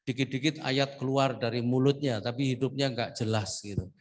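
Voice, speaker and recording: A man's voice: medium pitch, steady tone, normal speed. A man preaching a conversational sermon in a church, chatty and joking, tagging his sentences with a casual "ya". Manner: chatty, joking, tags lines with "ya". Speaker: pastor.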